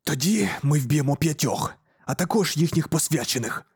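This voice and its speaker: A man's voice: a little high, expressive, moderate pace, slightly rough, exaggerated voice. A man voicing a savage, fanatical male armored space warrior who speaks fiercely and boastfully.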